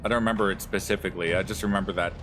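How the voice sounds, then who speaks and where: A man's voice: deep voice, fairly even intonation, rapid-fire. A young man giving casual gameplay commentary as a streamer, rambling with lots of fillers. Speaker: streamer playing a game. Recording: commentary over loud game music.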